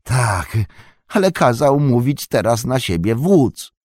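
A man's voice: mid-range voice, very animated, slow, a little mellow, no room sound, studio quality, pitched above the performer's own voice. A man voicing a timid, anxious old male hobbit gatekeeper in an audiobook, fretful and pleading. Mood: nervous. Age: older.

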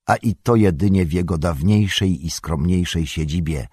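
A man voicing a grave, commanding old male wizard in an audiobook, speaking in a husky, measured, solemn way. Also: sits low, a little mellow, no echo, clean studio sound. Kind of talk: audiobook character reading.

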